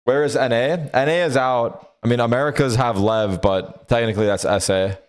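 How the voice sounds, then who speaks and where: A man's voice: mid-range voice, fairly even intonation, normal speed. A man giving casual, slangy, sweary reactions as a co-streamer watching an esports match. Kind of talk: casual chat commentary.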